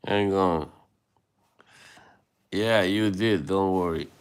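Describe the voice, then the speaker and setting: A man's deep, clear and resonant voice carries an Eastern European accent as he hosts a laid-back livestream. He banters with viewers, laughing frequently and swearing casually.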